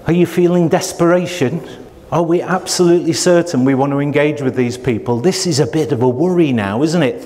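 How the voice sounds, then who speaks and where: A man's voice: a little high, darkish tone. A man teaching procurement to a room, asking rhetorical questions and acting out what buyers and suppliers say. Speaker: procurement trainer. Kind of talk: lecture to a room of trainees. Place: training room. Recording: long hall reverb.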